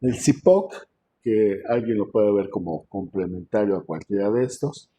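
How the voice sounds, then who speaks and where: A man lecturing an online class as professor, talking in a conversational way with many fillers and frequent throat clearing, over a video call. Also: lowish voice, moderate pace, warm tone, a little hiss or hum.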